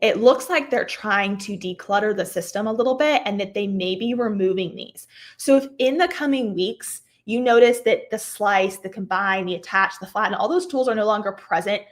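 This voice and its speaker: A woman with a voice she says she is losing, clearing her throat now and then as she casually walks viewers through software changes step by step, with lots of fillers. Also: mid-range voice, normal speed. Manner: chatty, filler-heavy, explains step by step. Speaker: craft software instructor, livestream host. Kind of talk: casual live software tutorial.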